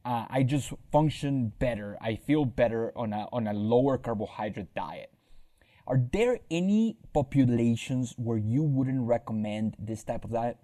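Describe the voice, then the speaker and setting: A young adult man hosting a casual interview, talking in a relaxed, conversational way. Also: medium pitch, a little slow. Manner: relaxed, conversational, repeats words. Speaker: podcast host.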